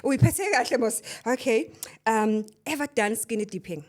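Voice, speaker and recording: A woman hosting a podcast, bubbly and quick to laugh, mixing English and Zulu in casual chat. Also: on the high side. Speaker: podcast host.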